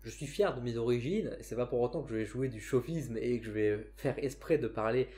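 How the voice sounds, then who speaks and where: A man's voice: medium pitch, a little fast, mellow. A man with a northern French accent, a spiritual vlogger, talks casually to camera in a reflective way, often hesitating and restarting his sentences. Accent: northern French (Ch'ti). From northern France.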